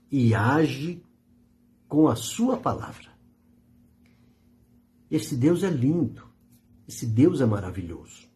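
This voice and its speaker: Man, pastor, sermon, animated wide pitch, warm dark tone, earnest emphatic pauses.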